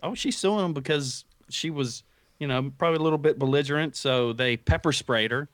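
A man's voice: a little high, brisk, fairly bright tone, dry recording. Wry male co-host, dry close sound. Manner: wry, offhand. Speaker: co-host reporting news stories. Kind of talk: casual chat.

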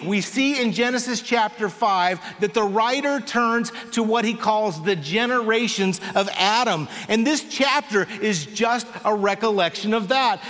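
A man preaching a sermon in a church in an unhurried, conversational way with dry touches of humor. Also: high-pitched, fairly bright tone. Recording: long reverb of a large hall.

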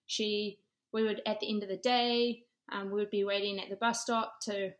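A woman in her thirties with a New Zealand accent guests on a podcast, telling stories in a relaxed, conversational way. Her mid-range voice stays level at a moderate pace; she's a former college golfer and ministry director.

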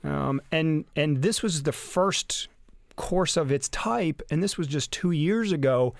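A man's voice: fairly high pitch, takes it slowly, gravelly, no room sound. A man speaking as a university representative on a radio show, rambling a bit, with many fillers and restarts. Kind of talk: radio interview.

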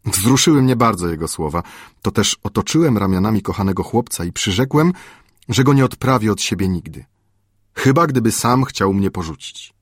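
A man reading an audiobook chapter in a measured, old-fashioned storytelling manner. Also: on the low side, expressive, breathy edge, dry recording, clean studio sound. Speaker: audiobook narrator. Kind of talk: scripted audiobook narration.

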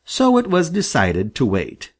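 A man reading a children's animal story aloud with an expressive, lively delivery. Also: on the high side, unhurried. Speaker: audiobook reader. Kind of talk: storybook narration.

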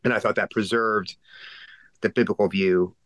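Man, pastor and podcast co-host, low voice, sick, halting explanatory delivery, conversational theological discussion, dry close sound. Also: fairly even intonation, fairly bright tone, no room sound.

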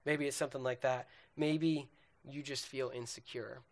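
A man's voice: medium pitch, steady tone, moderate pace. A young man giving an earnest, conversational sermon on relationships, speaking straight to his listeners and often checking in with "right?". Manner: lists questions and feelings one by one.

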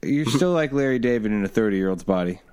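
A man's voice: mid-range voice, animated, fast talker, darkish tone, clean tone. A man co-hosting a podcast in casual chat, teasing and joking. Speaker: podcast co-host.

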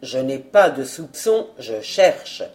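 A woman reader playing a great male detective who speaks gravely and categorically in a lowered voice. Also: very animated, takes it slowly, darkish tone, heavily acted.

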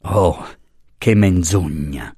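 A man voicing a cold, grieving young mother who speaks with flat, icy contempt, in a dry audiobook reading. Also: fairly low pitch, a little slow, no room sound. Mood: scornful.

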